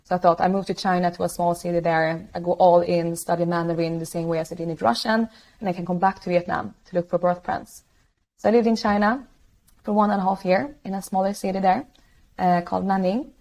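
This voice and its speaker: A woman's voice: fairly low pitch, steady tone, a little fast, a little mellow, rough recording. A woman in her thirties from Sweden, a startup founder telling her story in a casual interview over a video call, with many fillers and restarts. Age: 30s. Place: home room, video call.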